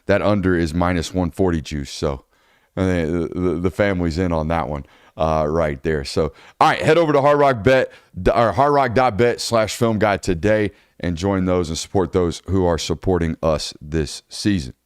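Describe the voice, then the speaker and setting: A man's voice: deep voice, moderate pace, clear, resonant tone, no room sound, clean studio sound. A man hosting a casual college football show, talking loosely and correcting himself as he goes. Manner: loose, rambling, self-correcting. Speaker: host. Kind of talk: casual sports podcast chat.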